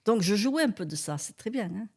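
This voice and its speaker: A woman's voice: medium pitch, animated, brisk. An older woman with a southern French accent, telling stories as a guest in a chatty way with frequent laughs. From Tarn, southern France. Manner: chatty, laughs often, colloquial fillers. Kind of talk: relaxed storytelling interview.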